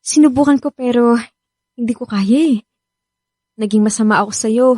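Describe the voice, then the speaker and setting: In a radio drama, an actress with a Filipino accent plays a remorseful young woman crying as she confesses and begs her ex to come back. Her voice is a little high and mellow, close to everyday speech, at normal speed, with clean studio sound and no echo.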